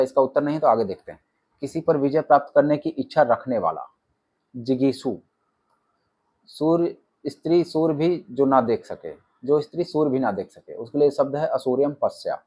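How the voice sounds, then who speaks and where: Husky man rattling off quiz answers. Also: mid-range voice. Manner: reads options, then states the answer flatly. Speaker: exam coaching teacher. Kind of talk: rapid-fire quiz answer walkthrough.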